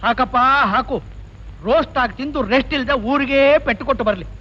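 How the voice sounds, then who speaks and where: An actor playing a fussy, sarcastic hotel owner who mutters asides to himself, in old film dialogue. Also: male voice, very high voice, brisk. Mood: grumbling. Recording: dull old film soundtrack with music.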